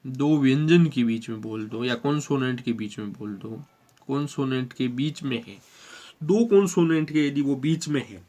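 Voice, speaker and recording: A man with an Indian accent teaching a spelling rule in a slow classroom explanation, repeating words and spelling them out letter by letter. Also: mid-range voice, mellow.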